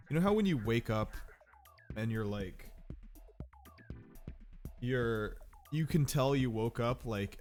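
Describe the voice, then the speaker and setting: A man's voice: mid-range voice, a little mellow. A sick man with a nasal, stuffed-up voice, rambling casually and self-deprecatingly while livestreaming a game, a little profane. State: sick with a cold. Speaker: game streamer.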